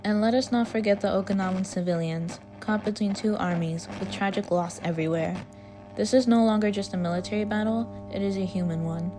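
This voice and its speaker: A woman's voice: mid-range voice, brisk, dark tone, lightly acted. A woman playing a solemn, patriotic 1940s wartime radio news reporter, reading a formal, earnest script. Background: music.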